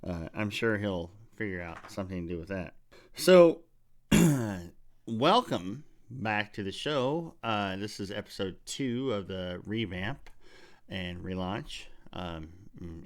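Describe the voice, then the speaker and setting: A man hosting a comedy podcast, telling a rambling, profane story in a loose, casual way. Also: on the low side. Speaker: podcast host.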